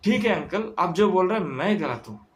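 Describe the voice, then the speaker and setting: A man's voice: high voice, expressive, moderate pace, a little hiss or hum, pitched above the performer's own voice. A man voicing an earnest teenage son who pleads politely but is upset. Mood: earnest pleading. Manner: pleading, defends his father.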